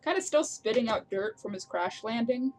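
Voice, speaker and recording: A woman narrating a tabletop game as game master, in a casual, relaxed way. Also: a little high, normal speed, slight background noise.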